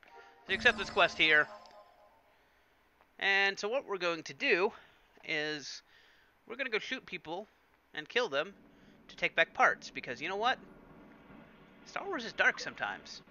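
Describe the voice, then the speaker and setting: A man gives casual let's play commentary in a chatty, rambling way, full of little fillers. His voice is very bright and a touch high, and it moves up and down a lot. The recording is slightly dull, with a faint hum in the background. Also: very animated, a little slow, long pauses.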